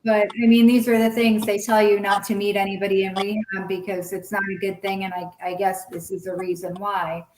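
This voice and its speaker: A middle-aged woman telling her own story in a blunt, candid way, swearing freely. She acts out old conversations in lively quoted voices. Her pitch sits in the middle for a woman, and the room adds a clear echo. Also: brisk, few pauses, a little hiss or hum. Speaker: guest sharing her story. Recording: roomy echo.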